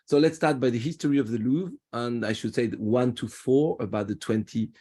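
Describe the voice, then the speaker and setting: A man's voice: medium pitch, brisk, warm tone, slightly rough. Parisian-accented man guiding a virtual tour. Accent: Parisian French. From France. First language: French. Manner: friendly, chatty, restarts phrases. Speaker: tour guide. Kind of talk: virtual museum tour talk. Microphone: video call.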